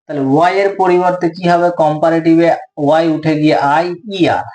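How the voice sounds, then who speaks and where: A man's voice: a little high, level tone, brisk, a little mellow, echoey room, low-quality recording. A man with a Bengali accent explaining English grammar, patient and repetitive, asking and answering his own questions. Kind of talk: explanatory lesson.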